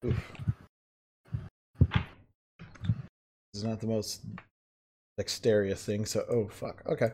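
A man's voice: on the low side, flat delivery, a little mellow, slightly rough. Male game master, casual and swearing. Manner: casual, swears freely, quick bursts of narration. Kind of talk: narrating a tabletop game over voice chat.

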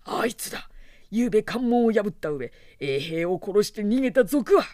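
A woman voicing an angry male officer who shouts commands at his soldiers. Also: mid-range voice, lively intonation, moderate pace, no echo, clean studio sound, natural voice. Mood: furious.

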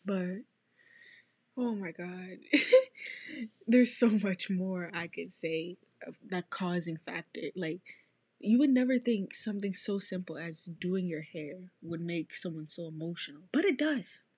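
A young woman chatting casually to camera as a vlogger, animated and laughing often, with lots of "like"s. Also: lowish voice, slow pace, breathy edge. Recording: faint music behind.

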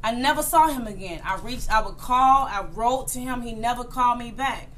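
A woman's voice: fairly high pitch, moderate pace, a bit bright, slight background noise. A woman in her late thirties telling a personal story in casual chat, blunt and profane, acting out the voices of people she quotes. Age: 30s.

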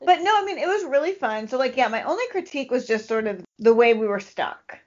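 Her voice is high, expressive, fast and a little mellow as she co-hosts a podcast, telling stories in a relaxed, chatty style with "like" everywhere. It's captured in dull lo-fi podcast audio.

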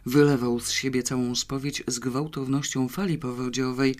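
A reader narrating a novel in a measured, wry manner. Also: medium pitch, flat delivery, a little mellow. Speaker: audiobook reader. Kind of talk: scripted narration.

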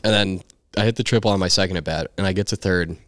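A young man with a very low voice tells his baseball story in a loose, profane, animated way. The sound is dry and close, with no room around it. He jumps into the other people's voices as he goes. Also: fast talker, dry recording. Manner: animated, swears freely, acts out quoted voices. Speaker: guest, baseball player. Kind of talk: casual storytelling chat.

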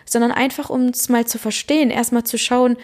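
A young woman speaking calmly and earnestly in a reflective self-help monologue, thinking aloud with pauses. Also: fairly high pitch.

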